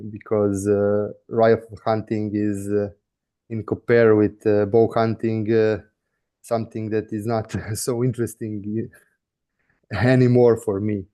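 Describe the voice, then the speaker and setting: A man from Serbia with a Serbian accent, answering interview questions hesitantly over a video call, pausing often. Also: on the low side, mellow, clean tone. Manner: hesitant, many pauses and fillers. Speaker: guest, hunting outfitter.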